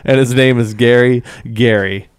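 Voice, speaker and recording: A man's voice: medium pitch, steady tone, normal speed, smooth, dry recording. A man co-hosting a casual music podcast, joking and laughing often as he talks. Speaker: podcast co-host.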